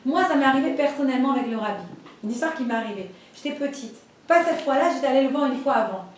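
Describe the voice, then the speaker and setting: High-voiced woman telling stories. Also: fast, slight background noise. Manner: lively storytelling, acts out voices. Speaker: Torah teacher. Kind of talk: storytelling class. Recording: echoey room, voice from far off.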